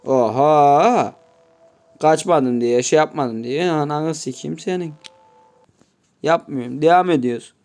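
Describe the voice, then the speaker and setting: A man's voice: fairly high pitch, normal speed, darkish tone. Foul-mouthed man commenting on gameplay. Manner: swears constantly, talks straight to viewers; grumbling, mock-offended asides. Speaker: gameplay YouTuber.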